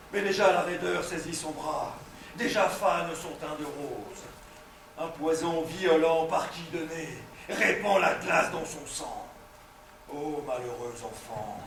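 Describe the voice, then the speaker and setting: A grandiose, anguished villain of period melodrama. He declaims slowly in a highish voice with dramatic pauses, recorded in an echoing room at a distance over clear noise. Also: fairly bright tone. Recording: roomy, noisy, distant microphone.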